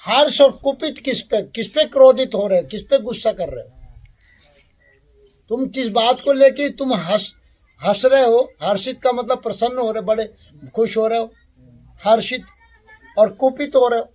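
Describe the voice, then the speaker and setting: In this satsang discourse, a man speaks in a very high-pitched, slightly mellow voice. Taking his time, the spiritual teacher repeats every term before explaining what it means.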